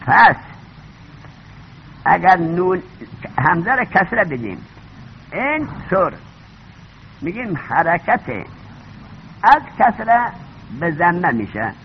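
A man's voice: on the high side, very animated, gravelly, long pauses. A man teaching a class, who keeps questioning the students and repeating the key points. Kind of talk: classroom lecture on grammar. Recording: dull lo-fi recording with faint noise.

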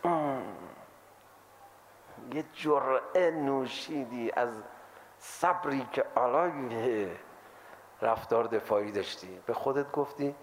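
A man giving a lively sermon to an audience, acting out the voices of people he quotes. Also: medium pitch, long pauses, slight background noise. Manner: animated, acts out quoted voices. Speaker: religious lecturer.

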